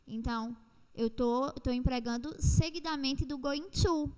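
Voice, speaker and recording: A high-voiced woman with a Brazilian Portuguese accent teaches a recorded lesson. She explains patiently, repeats herself and drags out the example sentences. Her voice rings with a long reverb, as if in a bare room. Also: unhurried, a little mellow, clean tone.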